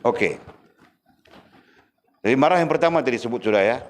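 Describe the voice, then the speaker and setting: A man giving a religious lecture, animated and often checking his listeners with quick rhetorical questions. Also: mid-range voice. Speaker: religious teacher.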